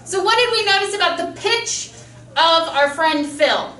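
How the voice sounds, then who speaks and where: A woman speech teacher giving a chatty, fast-talking classroom lecture. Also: very high-pitched, lively intonation, sharp tone. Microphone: camera mic across a classroom. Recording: roomy, distant classroom sound with faint noise.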